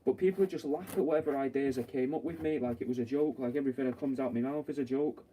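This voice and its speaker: A man's voice: medium pitch, fairly even intonation, quick pace, dark tone. A young man, a taxidermist chatting bluntly and rambling while he works, swearing often. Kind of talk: casual chat while working. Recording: distant mic with faint background noise.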